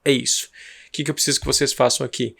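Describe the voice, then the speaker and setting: A man with a Brazilian Portuguese accent teaching an online class in a chatty way, asking and answering his own student questions and slowly drilling phrases for repetition. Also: medium pitch, flat delivery, gravelly, fairly bright tone, breathy edge. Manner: slow, drawn-out drill repetitions. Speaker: English teacher.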